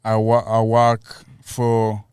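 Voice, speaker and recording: Young man, co-host, from Burundi, smooth clear voice, dry close sound, rambling casual chat. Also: on the low side, takes it slowly, no echo. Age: young adult. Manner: relaxed, rambling, many fillers and restarts. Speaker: podcast co-host.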